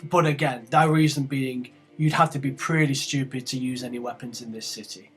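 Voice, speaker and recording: A man voicing a gruff male city gate guard who is polite but suspicious as he questions travellers. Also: mid-range voice, steady tone, fairly quick, a bit bright, faint music behind. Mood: smug.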